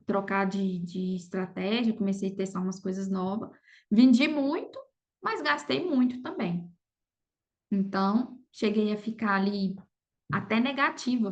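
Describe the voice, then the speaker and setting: A muffled recording captures a Brazilian woman's medium-pitched, slightly mellow voice. She's an affiliate marketer appearing as a podcast guest, talking conversationally and frequently adding "sabe" or "entendeu" to check in.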